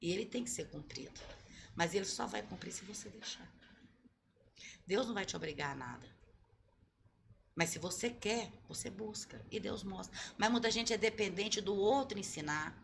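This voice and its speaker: A woman's voice: medium pitch, expressive, moderate pace, gravelly, slight background noise. A woman pastor giving earnest, teaching answers in an interview, often repeating her key points. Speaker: pastor, guest. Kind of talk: sermon-like answers in a podcast interview.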